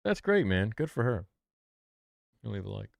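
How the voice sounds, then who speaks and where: A man's voice: fairly low pitch, sing-song, moderate pace, creaky, dry recording, clean studio sound. A man streaming live, reacting casually and reading chat aloud in a laid-back, slangy way.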